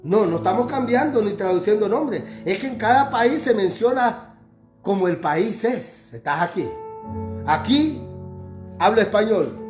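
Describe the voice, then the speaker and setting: A man's voice: sits high, lively intonation, measured pace. A man delivers a fervent sermon, building on repeated phrases. His voice rings in a roomy space, and faint instrumental music plays underneath. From Honduras. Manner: fervent, repetitive preaching cadence. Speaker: preacher.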